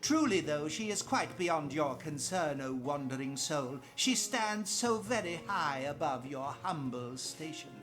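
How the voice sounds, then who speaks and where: An actor playing a zealous, condescending cult priest in a fantasy game, sermonizing in grandiose, theatrical phrases. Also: male voice, a little high, animated, measured pace, hardly any pauses, a bit bright, soft background music. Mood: exalted, haughty. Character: lofty, zealous cult priest preaching of a blood goddess.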